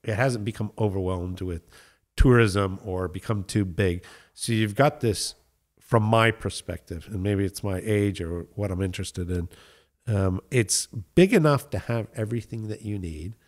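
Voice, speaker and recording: A middle-aged man from the United States, talking as a winemaker guest in a relaxed interview, thoughtful and enthusiastic with frequent fillers. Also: fairly low pitch, normal speed.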